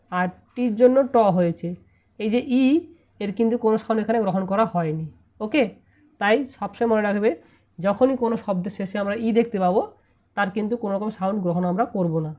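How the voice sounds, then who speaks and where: In an online lesson, a woman with a Bengali accent teaches English pronunciation, spelling out letters and slowly repeating each syllable. Her voice sits at medium pitch and sounds a little mellow.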